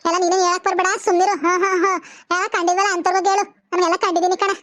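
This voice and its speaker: A woman's voice: extremely high pitch, little pitch movement, very fast, fairly bright tone, dry recording, studio quality. A woman voicing a quarrelsome, foul-mouthed village mother in a cartoon. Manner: abusive, quarrelsome. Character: sharp-tongued older village mother. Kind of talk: cartoon voice acting.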